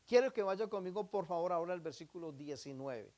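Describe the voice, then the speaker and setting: A man preaching a sermon, often asking the congregation questions, shifting between emphatic loud phrases and quiet asides. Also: high-pitched, lively intonation, a little fast. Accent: Latin American Spanish. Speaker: pastor.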